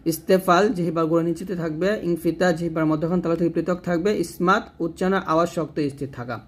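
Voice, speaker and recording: Guy teaching quran pronunciation, slowish, a bit high voice, says sounds over and over. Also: fairly even intonation. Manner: slow, repetitive, demonstrates letter sounds; addresses viewers directly. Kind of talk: tajweed lesson.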